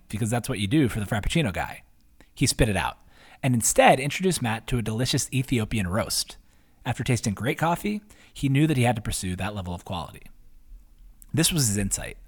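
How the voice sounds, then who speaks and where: A man's voice: medium pitch, very animated, brisk, breathy edge. A man narrating his own written post aloud in an upbeat, conversational reading voice, adding casual asides. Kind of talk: read-aloud essay narration.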